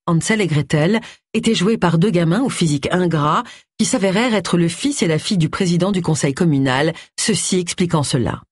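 A woman narrating a novel in an audiobook, expressive and shifting into a voice for each figure. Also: lowish voice, a little fast, husky, dry recording, clean studio sound. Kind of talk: scripted narration.

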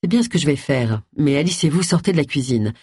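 A reader voicing a calm male police detective. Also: medium pitch, fast, slightly rough, no room sound, studio quality.

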